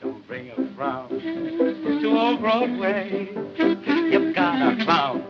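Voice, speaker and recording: A brash young American songwriter with peppy showman patter in 1920s talkie style. The voice is high and swings widely, on a dull vintage soundtrack. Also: wildly swooping pitch, very slow, heavily acted. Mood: upbeat singing. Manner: slangy, peppy showman delivery. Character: brash, eager young male Broadway songwriter. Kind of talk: early talkie film acting and singing. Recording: muffled 1929 film soundtrack, music behind.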